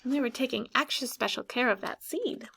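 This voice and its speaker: A teacherly woman reads a picture book aloud to young children, her voice fairly high and a bit bright. She lingers on important words and poses questions, then pauses to give listeners time to think, all in an expressive, instructive way.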